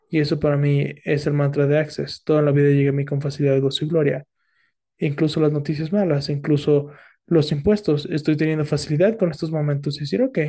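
Male podcast guest, mellow tone, relaxed and thoughtful, casual chat. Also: on the high side. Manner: relaxed, reflective, with fillers and restarts.

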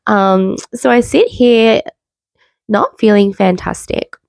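A woman podcast host with a cold and low energy, talking candidly and informally in a personal monologue. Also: takes it slowly, creaky, a little mellow, dry recording. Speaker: podcast host, wellbeing coach. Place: bedroom, sitting on bed. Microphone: makeshift mic, not usual podcast microphone.

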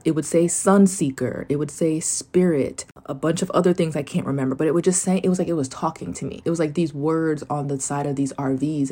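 Low-pitched American woman in casual, candid chat. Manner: candid, informal, sweary, rambling asides. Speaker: host telling of a spiritual awakening. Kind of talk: casual solo chat, reading journal entries aloud.

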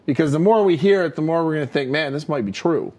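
A man's voice: a little high, animated, fast talker, darkish tone. A man co-hosting a leadership podcast, talking emphatically with many fillers and "right?" tags. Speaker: podcast co-host, leadership coach. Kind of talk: casual leadership podcast chat.

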